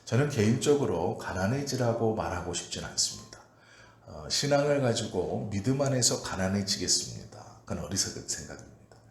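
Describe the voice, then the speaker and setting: A male pastor preaching an early-morning prayer sermon in a calm, measured way, pausing often with "uh". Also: on the low side, vocal fry. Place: church sanctuary. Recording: echoey church room with faint ambient noise.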